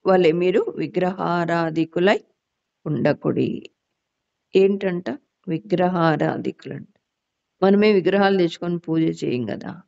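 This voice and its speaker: A woman giving a Bible teaching sermon. She reads scripture slowly and then asks her listeners questions about it. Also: fairly low pitch, a little mellow, highs cut off. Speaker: preacher.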